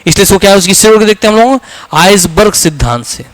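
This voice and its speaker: Male teacher with a Chhattisgarh accent and a high voice, keeps asking and repeating answers. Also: expressive, fast talker. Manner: asks the class questions and repeats key answers. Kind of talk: classroom lecture.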